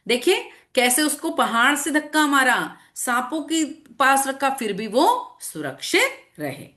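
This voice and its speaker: An animated woman teacher tells a scripture story to children over an online class. Her voice is bright and fairly high, and it leaps around a lot as she repeats phrases and checks that they follow. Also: a little slow. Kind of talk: storytelling lesson to children with slides.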